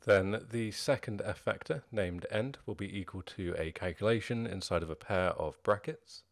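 A young man narrating a screen-recorded coding tutorial, explaining each step in a steady, methodical way. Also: fairly low pitch, moderate pace, gravelly. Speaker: programming tutorial host.

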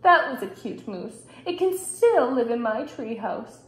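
A woman voicing a calm, curious young boy in a storybook reading, with a gentle, questioning way of talking. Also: fairly high pitch, measured pace. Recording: roomy echo.

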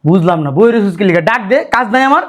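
Man, brisk scolding brother in a village drama. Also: high voice, expressive. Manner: loud, scolding, rustic. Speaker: brother in a family skit. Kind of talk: Bangladeshi village drama acting.

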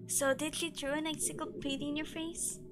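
A woman's voice: sits high, little pitch movement, fairly quick, voice pushed up, close to an everyday voice. A woman voicing a whiny, nasal old man from a story video game. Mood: nagging.

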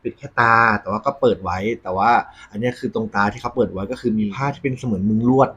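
Guy hosting ghost storytime, lowish husky voice, chatty but polite. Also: fast talker. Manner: polite, frequent Thai male polite particles. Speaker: host of a ghost story segment. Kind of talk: conversational ghost storytelling to an audience.

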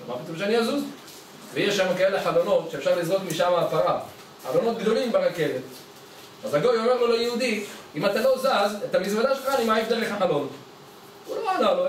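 Male rabbi, storytelling lesson, acts out characters' lines, raised voice, distant mic, faint hum. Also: sits high. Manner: acts out dialogue in his stories with changing voices. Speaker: rabbi giving a weekly Torah lesson. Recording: echoey room, mic at a distance, faint background noise.

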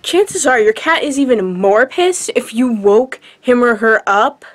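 A young woman hosting a comedic vlog, with a mock-scientific, deadpan delivery and casual swearing. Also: a little high, unhurried, faint music behind. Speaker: YouTuber.

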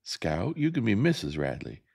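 A man's voice: fairly low pitch, wildly swooping pitch, normal speed, vocal fry, darkish tone, slightly rough, voice pushed up, full character voice. A man doing a bossy hollering boy. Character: bossy boastful older boy, a brother. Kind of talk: storybook reading.

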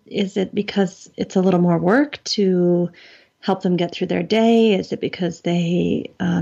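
A woman's voice: medium pitch, vocal fry, warm tone, lo-fi sound. A woman in her forties, a podcast guest, talking in an earnest, thoughtful and chatty way. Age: 40s. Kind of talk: casual conversation.

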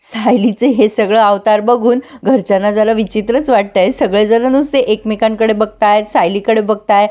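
A woman's voice: mid-range voice, steady tone, moderate pace, hardly any pauses, darkish tone. A woman hosting a casual episode recap, telling the story in a storytelling way and speaking straight to her viewers. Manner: storytelling, addresses viewers directly. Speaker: serial recap host.

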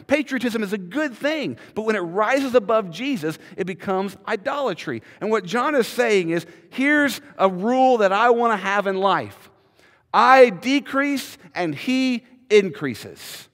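A pastor in his thirties preaches from the pulpit of a large indoor church sanctuary, his high-pitched, fairly bright voice growing emphatic as he repeats words to build each point. A podium mic picks him up, filmed from a distant camera, with long hall reverb.

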